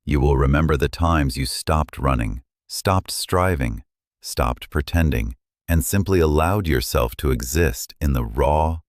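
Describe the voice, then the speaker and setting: A man's voice: very deep voice, unhurried, no echo, clean studio sound. A man giving scripted narration in a solemn, contemplative way.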